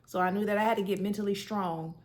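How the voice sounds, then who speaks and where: A woman's voice: mid-range voice, fairly even intonation, quick pace. Earnest woman telling a health story. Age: 30s. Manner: earnest, conversational, with many fillers. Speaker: person sharing a health story. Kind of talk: casual personal testimony.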